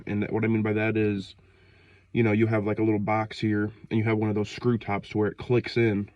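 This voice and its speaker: A man's voice: fairly low pitch, completely flat delivery, a little fast, darkish tone, no echo. A man in his twenties, sick and short of breath, rambling loosely in a slangy casual rant, outdoors in the cold. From Ohio, United States. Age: 20s. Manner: rambling, loose, slangy, many fillers and restarts. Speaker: vlogger.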